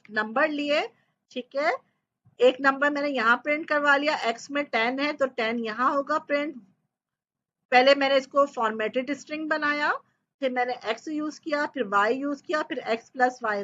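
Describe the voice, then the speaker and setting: A woman's voice: sits high, moderate pace, fairly bright tone, dull audio. A woman teaching programming, explaining step by step and often checking in with her students. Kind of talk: coding tutorial lecture.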